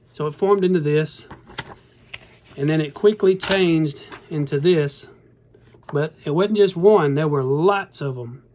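A man in his thirties with a slightly high voice talks casually to a phone camera held at arm's length in an indoor bedroom. He's a rambling, earnest, folksy vlogger who addresses his viewers as "y'all."

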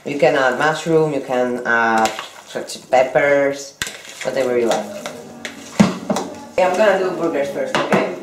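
A woman in her late twenties with a Slovak accent, talking haltingly with fillers and repeated words as she shows her home and cooks. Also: very deep voice, very noisy. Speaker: fitness competitor. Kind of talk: casual home video chat and cooking demo. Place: small home kitchen and living room, indoors. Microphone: camera mic from a few meters away. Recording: roomy, distant camera sound with music behind.

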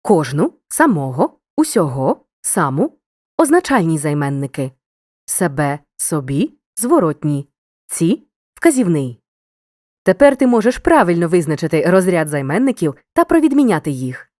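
A woman narrating a scripted grammar lesson in a clear, measured, instructive way. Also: low voice, big pitch swings, a little mellow, no echo, studio quality.

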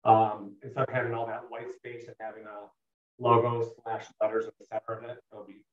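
A man speaks with his phone held away from his mouth, so his voice comes through faint and far off on a tinny phone line. The line sounds echoey. He talks haltingly, with fillers and restarts. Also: fairly low pitch, level tone. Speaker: sign contractor calling into a public meeting. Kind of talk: remote call-in comments at a meeting.

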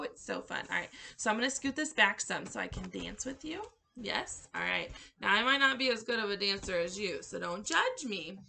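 A woman's voice: medium pitch, gravelly, sharp tone, a little hiss or hum. A woman leading a circle-time lesson for young children, praising them in an encouraging, cheerful way. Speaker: preschool circle-time teacher.

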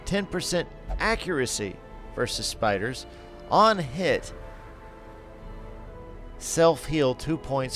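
Gaming host, male, mid-pitched and slow-paced, mulls over game items aloud with faint music underneath. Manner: musing, reads item text aloud, thinks out loud. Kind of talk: casual gameplay commentary.

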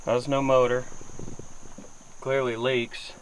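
This young outdoor fishing vlogger speaks slowly and flatly at medium pitch, chatting informally to camera from a small river boat. The camera mic sits close to mid distance, and the low-quality audio carries faint ambient noise and insects.

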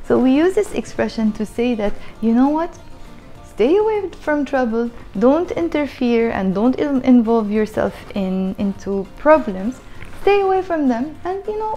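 A woman's voice: a little high, dark tone. A woman in her thirties with a Levantine Arabic accent, a native Arabic speaker teaching a conversational language lesson in an explanatory, repetitive way. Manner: explanatory, breaks phrases down slowly with repetition. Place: small living room indoors, on a sofa.

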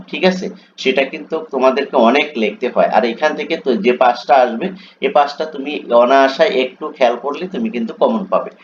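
A man coaching exam students, spelling out words letter by letter and checking often whether they follow. His voice sits at an ordinary middle pitch. The recording sounds dull and lo-fi, with a faint hiss of background noise. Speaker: teacher.

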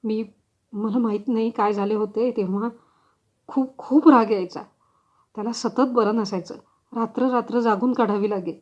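A woman voicing a frightened, guilt-stricken young mother confessing in halting words, on a slightly dull recording. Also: on the high side, steady tone, a little mellow, close to an everyday voice.

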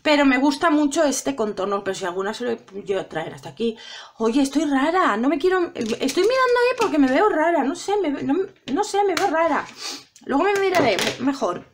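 A middle-aged woman from Spain with a high voice, chatting through a makeup tutorial. She talks straight to her viewers, chatty and self-dramatizing, with a Spanish accent. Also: very animated, a little fast. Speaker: beauty vlogger. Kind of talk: casual makeup tutorial chat.

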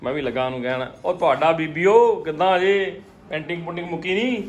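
A man's voice: a little high, quick pace. A man with a Punjabi accent chatting casually and teasingly on a family vlog, often repeating himself. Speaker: family vlogger. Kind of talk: casual home vlog chat. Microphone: phone held by the speaker. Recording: noisy handheld home recording.

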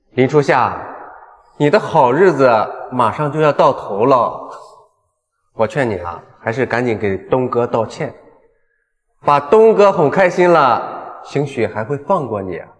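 An actor playing an obsequious, sneering turncoat sidekick to a villain in a short drama. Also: male voice, mid-range voice, animated, a little slow, pauses often, close to an everyday voice. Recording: long hall-like reverb.

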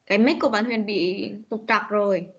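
A woman's voice: mid-range voice, normal speed. A woman teacher with a Vietnamese accent, patiently coaxing young pupils in an online English class over a video call. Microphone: computer mic on a video call. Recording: dull lo-fi video call audio.

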